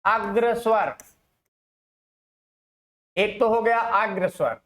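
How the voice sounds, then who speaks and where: A man's voice: high voice, takes it slowly, a bit bright, roomy sound. A male Hindi grammar teacher giving an exam-prep lesson. He asks rhetorical questions, answers them himself and draws out example syllables.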